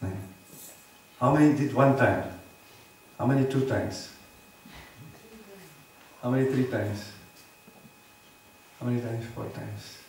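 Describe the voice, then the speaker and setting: A man's voice: mid-range voice, slow, long pauses, a little mellow, slight background noise. Guy preaching in a big temple hall, heavy echo, mic far off, keeps going "eh? huh?" at the crowd. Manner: earnest, quizzes audience with tag questions. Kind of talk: sermon on scripture. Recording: very echoey hall, distant mic.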